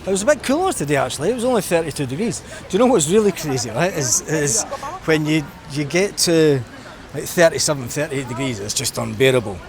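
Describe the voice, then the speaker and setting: A middle-aged Scottish man vlogs as he walks along a busy seafront, rambling casually and reflectively in an informal, conversational way. His voice sits on the high side, animated and brisk, with hardly any pauses. Traffic and street noise fill the outdoor recording.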